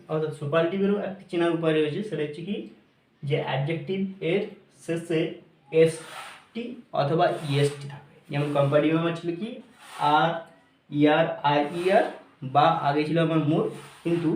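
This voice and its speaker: A man teaching grammar, mixing English phrases into his explanations, repeating each point and checking whether his students are clear. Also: a little high, darkish tone, echoey room, slight background noise.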